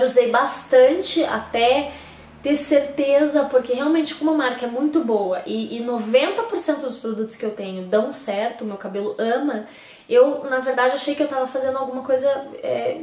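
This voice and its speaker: A woman's voice: a little high, darkish tone. Chatty woman, echoey room, far mic. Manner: chatty, rambling, many fillers and restarts. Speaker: beauty vlogger. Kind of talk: casual product review. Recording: roomy echo, distant camera mic, faint background hiss. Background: faint street noise.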